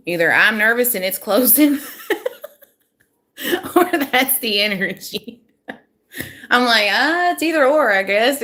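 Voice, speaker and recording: A woman, going a bit hoarse, chatting to viewers as she gives a casual live tarot reading into her phone at home. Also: mid-range voice, fairly bright tone. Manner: chatty, self-deprecating, talks to viewers. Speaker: tarot reader.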